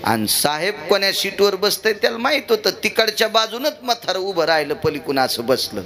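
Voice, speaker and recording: A man preaching a kirtan, telling folksy stories with acted quotes and sudden high-pitched shouts. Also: sing-song, brisk. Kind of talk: Marathi kirtan storytelling sermon. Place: kirtan gathering with audience. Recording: live recording with audience crowd noise. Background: audience crowd.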